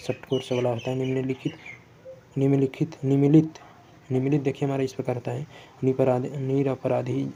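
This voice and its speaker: Dark-voiced man teaching spelling. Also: mid-range voice, slight background noise. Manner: self-correcting, repetitive word-by-word explanation. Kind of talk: exam-prep Hindi spelling lesson.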